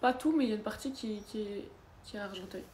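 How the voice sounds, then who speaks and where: A young woman from France talks fast in a medium-pitched, slightly mellow voice despite having a cold. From her sofa in the living room, she holds a casual livestream answering viewer comments, with the phone camera at arm's length in an echoey space with faint background noise.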